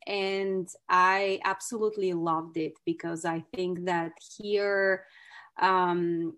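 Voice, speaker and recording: This Bulgarian woman, a clinical psychologist, delivers an effusive online training talk over a video call. Her medium-pitched voice carries a Bulgarian accent and some non-native phrasing.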